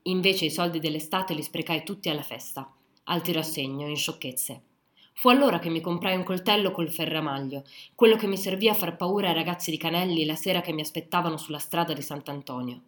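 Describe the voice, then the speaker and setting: Female audiobook narrator, calm and measured, low-pitched, recorded with roomy echo.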